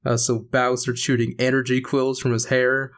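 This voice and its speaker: A man's voice: mid-range voice, completely flat delivery, normal speed. A man co-hosting a podcast, casually recapping a story with many fillers and restarts. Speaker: podcast host. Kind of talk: casual chat.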